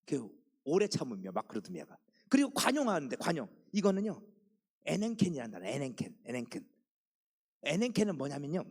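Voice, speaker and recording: Lively high-voiced Korean pastor. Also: male voice, brisk, breathy edge. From South Korea. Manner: conversational, asks the congregation questions and answers them himself; jokes gently with the congregation. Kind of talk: sermon. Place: church sanctuary.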